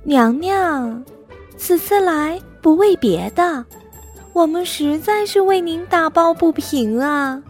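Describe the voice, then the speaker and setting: Lady doing a squeaky whiny concubine, drawn out, begging. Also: expressive, slow pace, faint music behind, full character voice. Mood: pleading. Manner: wheedling, pleading. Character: whiny flattering young palace concubine.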